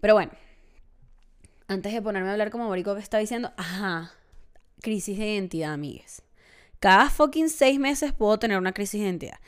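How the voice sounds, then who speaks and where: Chatty young woman with a clear voice. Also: medium pitch, expressive, fairly quick, pauses often. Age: 20s. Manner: chatty, self-mocking, acts out quoted voices. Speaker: podcast host. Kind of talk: casual solo monologue.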